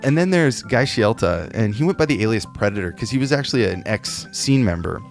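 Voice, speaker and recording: Low-voiced man co-hosting a podcast. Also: brisk, faint music behind. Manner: relaxed, chatty, with many fillers. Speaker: podcast co-host. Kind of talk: casual chat.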